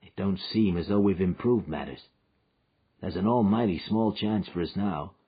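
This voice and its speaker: A man playing a weary, husky frontier wanderer. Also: deep voice, normal speed, dull audio. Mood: gentle. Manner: rustic frontier dialect, soft and patient.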